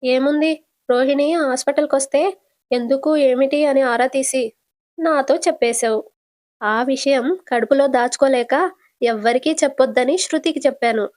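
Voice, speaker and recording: A woman voicing a gentle, modest young married woman who explains things patiently, in a casual serial retelling. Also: high voice, steady tone, moderate pace, natural voice.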